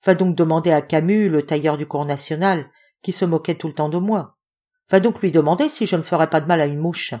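A woman reading an audiobook voices a sullen, proud male ape-man who mutters his grievances in a rapid grumble. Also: low voice, warm tone. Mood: resentful.

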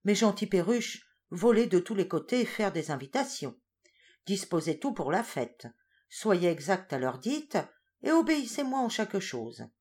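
A woman's voice: mid-range voice, very animated, moderate pace, darkish tone, natural voice. A woman reading a storybook, voicing a regal, commanding queen of the birds in a haughty manner.

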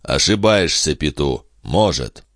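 A man reading a grave, gruff older farmer in an audiobook, terse and stern. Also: a bass voice, expressive, takes it slowly, fairly bright tone, dry recording, clean studio sound, full character voice.

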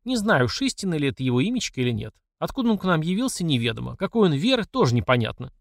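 A man's voice: fairly high pitch, very animated, rapid-fire, creaky, dry recording, pitched above the performer's own voice. A man voicing a plain-spoken, motherly older woman in an audiobook. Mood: soothing.

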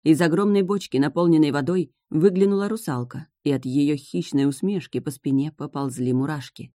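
An audiobook narrator reading a fantasy novel in an even, measured storytelling manner. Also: medium pitch, dry recording. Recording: dry close studio sound.

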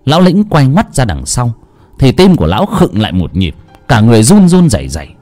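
Guy telling a ghost story, pitch all over the place, dark mellow tone, quiet music behind. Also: a little fast. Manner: dramatic, animated storytelling. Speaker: horror story narrator. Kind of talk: scripted horror narration. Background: faint background music.

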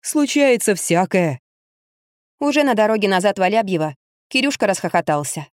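A woman of middle pitch reads a first-person story aloud with a wry, lively delivery. The recording is dry and close, with no room sound at all. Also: fast, dry recording. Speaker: audiobook narrator. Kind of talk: first-person audiobook narration.

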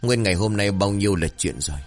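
Earnest village uncle in a spoken folk tale, low advising voice, read by a male storyteller. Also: expressive, fast talker, faint music behind. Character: concerned village uncle, neighbor.

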